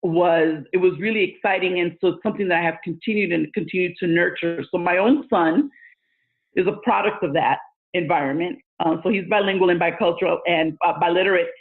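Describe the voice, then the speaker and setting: Speaking over a tinny phone line, this guest talks in a lowish voice at a fairly quick pace. She is an education leader in her forties, based in the United States, whose first language is Spanish, and she responds to interview questions earnestly and thoughtfully with frequent fillers.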